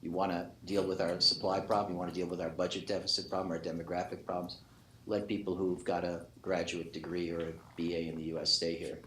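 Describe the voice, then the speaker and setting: Here the older economist talks fast in a deep, level, slightly bright voice. Speaking off the cuff on a conference panel in front of an audience, he argues emphatically and keeps adding qualifications to what he says. He seems to be in his 50s or 60s, and the recording has echo and faint background noise.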